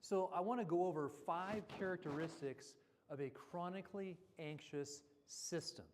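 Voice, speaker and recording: A man's voice: high voice, normal speed, slight background noise. A man speaking at a church seminar in a conversational teaching style, now and then acting out quoted voices. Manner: animated, acts out quoted voices. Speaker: guest speaker. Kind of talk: seminar talk. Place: church hall.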